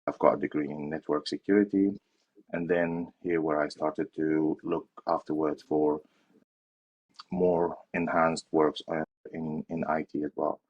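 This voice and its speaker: Very deep husky man from Syria. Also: fairly even intonation, unhurried, muffled recording. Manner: hesitant, with fillers and restarts. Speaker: interview guest. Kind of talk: casual interview answers.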